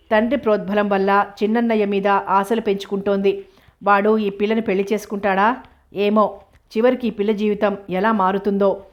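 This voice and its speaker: A woman reading a novel aloud as an audiobook narrator, steady and even. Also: medium pitch.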